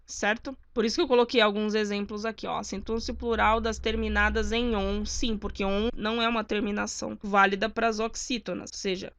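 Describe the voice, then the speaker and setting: Woman, grammar teacher, middle pitch, dry close sound, steady didactic delivery that keeps checking on the class. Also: no room sound. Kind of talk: explaining spelling rules at a board.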